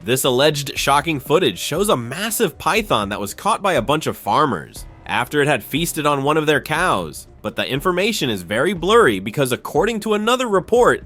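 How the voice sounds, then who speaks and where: A man narrates a nature documentary in a dramatic, scripted style. His voice sits a little higher than most men's and moves with lively intonation, over background music.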